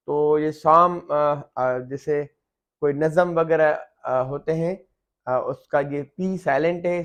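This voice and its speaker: A man with a somewhat high voice gives an English lesson at an unhurried, measured pace. He hesitates often with drawn-out fillers and repeats each example word clearly and forcefully, like a patient tutor. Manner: slow, deliberate explaining with many "uh" fillers; repeats example words loudly and carefully. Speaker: English teacher. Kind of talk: lesson on silent letters in English words.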